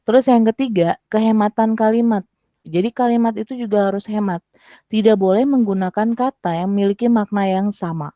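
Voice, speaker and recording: A woman's voice: mid-range voice, fairly quick, warm tone, dry recording, highs cut off. A young woman tutoring an online exam-prep class, explaining step by step and sounding out example sentences.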